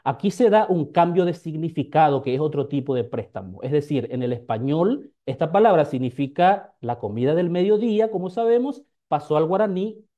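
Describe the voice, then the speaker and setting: Mellow-voiced man giving an academic talk. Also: on the high side, lively intonation, highs cut off. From Paraguay. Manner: careful, explanatory, walks through examples one by one; hesitant pauses with "eh". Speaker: linguistics researcher presenting a paper. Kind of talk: academic conference presentation.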